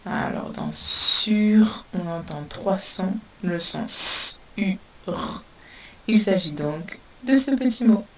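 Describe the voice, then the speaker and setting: A woman teaching a spelling lesson to young pupils, dictating words slowly and sounding out each letter. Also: medium pitch, lively intonation. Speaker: primary school teacher. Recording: distant mic with faint hiss.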